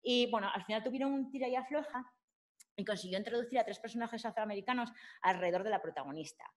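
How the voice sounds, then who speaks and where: A woman's voice: on the high side, fast. A woman gives an academic talk with slides, speaking informally with many fillers and restarts. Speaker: lecturer at a summer course.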